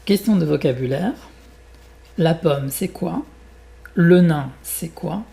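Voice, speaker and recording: Reading a fairy tale aloud before leading slow, deliberate exercises, this man teaches French with a French accent. He has a fairly high pitch, some vocal fry, and a mellow quality.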